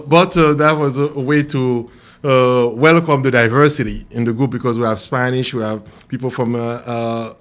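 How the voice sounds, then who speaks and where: A man from Haiti co-hosting a talk show, who tells anecdotes in a jovial way and laughs at his own jokes. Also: medium pitch. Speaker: co-host.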